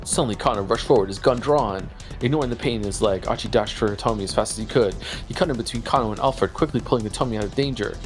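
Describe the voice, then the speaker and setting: Male streamer, lowish voice, dramatic game narration with casual asides, music behind. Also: quick pace, few pauses. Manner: expressive storytelling with stumbles over words. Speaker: streamer reading game text aloud.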